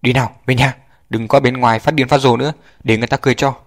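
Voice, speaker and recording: A man's voice: medium pitch, steady tone, very fast, lightly acted. Middle-aged father, read by a man, firm, scolding, plain voice, audiobook. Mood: stern scolding.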